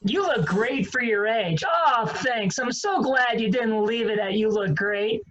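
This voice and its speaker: A man's voice: sits high, unhurried, a bit bright, dull audio. A man in his fifties delivering a dry stand-up monologue. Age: 50s. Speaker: comedian.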